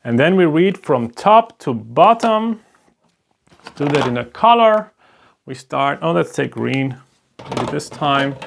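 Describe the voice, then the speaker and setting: This man's voice sits a little high and sounds sing-song and slow, with some vocal fry. He's a Hebrew teacher, a native German speaker with a German accent, working patiently through a slow lesson at a board and asking "right?" to check in.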